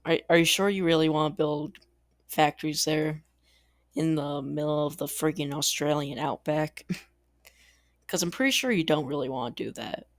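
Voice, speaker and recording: A man's voice: on the high side, normal speed, no echo, clean studio sound. A man giving casual, rambling commentary over a strategy game, chatty and full of asides, little laughs and mild exasperated swearing. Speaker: gaming channel host.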